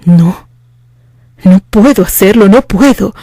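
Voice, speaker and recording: A woman's voice: medium pitch, slow pace, warm tone, no echo. A woman voicing a troubled young man who pleads and defends himself, his voice breaking as he speaks. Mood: desperate.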